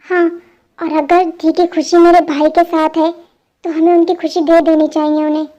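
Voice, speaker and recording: A high-voiced performer voicing a spirited young wife, bossy and teasing, in a fan dub drama, with a scolding, insistent way of talking. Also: female voice, little pitch movement, moderate pace, mellow.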